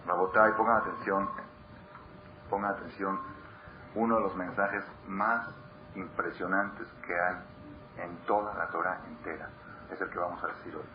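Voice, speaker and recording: Speaking in a low, steady voice at normal speed with long pauses, a man conducts a live Torah class. He repeats words for stress and asks his listeners questions, emphatic throughout, while the dull lo-fi recording picks up clear background noise.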